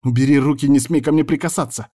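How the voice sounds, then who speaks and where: A man's voice: medium pitch, lively intonation, fairly quick, darkish tone, pitched above the performer's own voice, natural voice. Man voicing a furious, scornful young woman. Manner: snapping, hostile retorts. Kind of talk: audiobook character voice.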